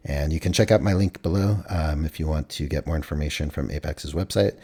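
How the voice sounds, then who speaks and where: Very deep-voiced man, slightly hoarse. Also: a little fast, dark tone. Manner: matter-of-fact, thinking aloud. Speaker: futures trader reviewing his trades. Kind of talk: casual screen-recorded trade recap.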